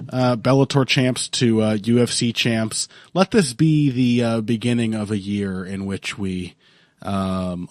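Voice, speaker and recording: A man's voice: lowish voice, a little mellow, no room sound, clean studio sound. A young man with a sick, congested voice, co-hosting a casual podcast, rambling and swearing often. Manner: rambling, profane, laughs often. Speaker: podcast co-host.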